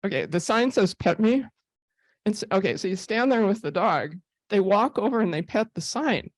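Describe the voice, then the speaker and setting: A woman's voice: medium pitch, animated, fairly quick, dry recording. A woman giving a casual talk with slides as a therapy animal volunteer, a chatty storyteller who laughs often and uses many fillers.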